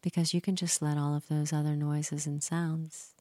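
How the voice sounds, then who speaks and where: A woman leading a guided relaxation and hypnosis session, speaking slowly and soothingly with gentle repetition and some soft whispered phrases. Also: low-pitched, little pitch movement, no echo, studio quality.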